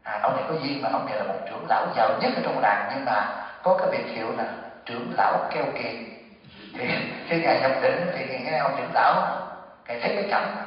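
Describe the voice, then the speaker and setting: A man giving a Buddhist dharma talk, telling a story in a conversational way with asides to the listeners. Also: mid-range voice. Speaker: Buddhist monk teacher. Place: temple hall. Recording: echoey hall from far off, dull.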